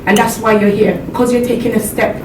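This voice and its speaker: With a steady tone and a fairly quick delivery, a Jamaican motivational speaker earnestly addresses a seminar audience and laughs along with them. Expect echoey hall acoustics, a distant mic, and a low background rumble.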